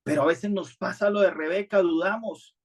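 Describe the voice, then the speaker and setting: A man's voice: high-pitched, steady tone, normal speed. A male pastor, preaching a sermon in an earnest, conversational way with frequent restarts.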